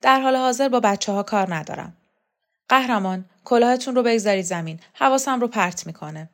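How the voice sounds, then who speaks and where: A woman's voice: a little high, pitched above the performer's own voice, natural voice. A woman reader voicing a commanding woman official who questions people in a cool, mocking way.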